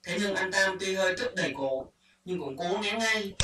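A storyteller reading a short story aloud at a measured, deliberate pace. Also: medium pitch, lively intonation. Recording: echoey room, far from mic, faint hiss.

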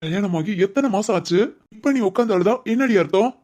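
A man's voice: sits high, expressive, a little fast, darkish tone. A man voicing a young husband in a romantic audio drama who teases his wife while also reassuring her. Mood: teasing. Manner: teasing yet reassuring. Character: teasing, caring young husband.

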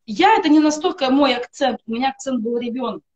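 On a lo-fi video call from her home, a middle-aged live-stream guest gives an earnest testimonial for a wellness product. Her high-pitched voice is animated, fast and darkish in tone, and she keeps piling up emphatic lists.

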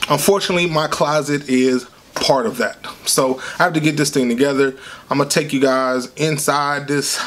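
A man from Cleveland in his thirties giving a relaxed, chatty closet-tour vlog narration at home. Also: mid-range voice. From Cleveland, Ohio. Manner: relaxed, chatty, uses lots of fillers like "so yeah" and "like". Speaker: family vlogger.

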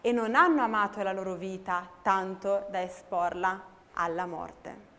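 A woman's voice: medium pitch, unhurried, sharp tone, a little hiss or hum. A woman interpreting a sermon phrase by phrase in a hall, often correcting herself mid-phrase. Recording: long hall reverb.

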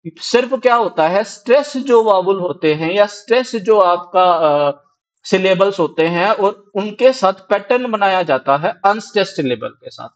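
High-voiced Hindi-speaking male teacher. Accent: Haryanvi Hindi. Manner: explains in Hindi mixed with English terms, asks and answers his own questions. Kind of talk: exam-prep lecture. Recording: dull lo-fi recording.

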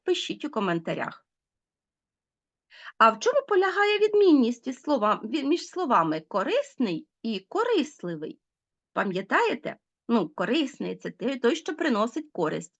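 Her voice is medium in pitch, a bit bright, with vocal fry. She is a woman teacher recording an online language lesson for schoolchildren, where she patiently explains material and puts questions to them.

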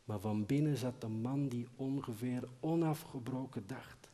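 Man reciting slowly in a reverberant concert hall. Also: mid-range voice. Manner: slow, expressive, swings between loud outbursts and near-whispers. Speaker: narrator. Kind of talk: dramatic recitation over chamber music. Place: concert hall, live performance.

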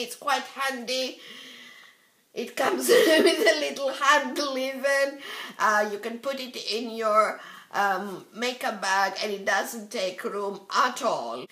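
A woman's voice: a little high, sharp tone. A woman beauty vlogger reviewing her favourite products in a casual, hesitant way, with many fillers and restarts. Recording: echoey room.

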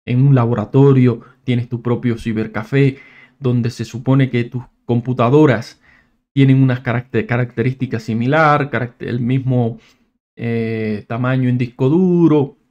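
A man giving a casual, screen-recorded software tutorial, thinking aloud and often restarting his words. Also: medium pitch, steady tone, unhurried, lo-fi sound. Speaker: tech tutorial presenter.

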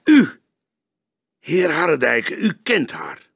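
A man voicing a stern, grey-haired old male detective who speaks firmly and deliberately. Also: fairly high pitch, big pitch swings, gravelly, a bit bright, no room sound, studio quality, voice pushed up, exaggerated voice. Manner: firm, measured, stern.

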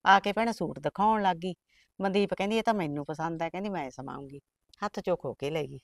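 A woman's voice: lowish voice, fast, dry recording, clean studio sound, close to an everyday voice. A woman with a Malwa Punjabi accent acting as a middle-aged village aunt who is raising her orphaned niece, talking plainly and confidingly. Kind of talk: village short film acting.

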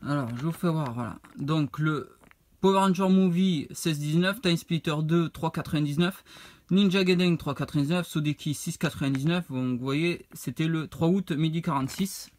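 A man's voice: on the high side, normal speed, a little mellow. A man, casually showing off his retro game purchases, rambling and hesitant as he reads out prices. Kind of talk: casual unboxing vlog.

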